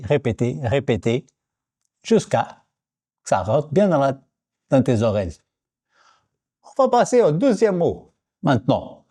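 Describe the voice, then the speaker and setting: Animated, mellow-voiced Portuguese man. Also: mid-range voice, husky. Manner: animated, repeats words to drill them. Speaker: vlogger. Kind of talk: casual language-learning vlog.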